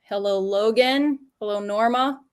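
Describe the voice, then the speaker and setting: A woman's voice: medium pitch, measured pace, smooth. A woman hosting a business webinar over a video call, upbeat and chatty. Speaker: webinar host. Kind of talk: casual webinar chat.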